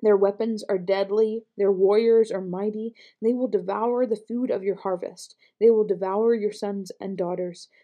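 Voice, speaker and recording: A woman reading scripture aloud in a measured, earnest way, with the odd small slip. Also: medium pitch, warm tone. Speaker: scripture reader.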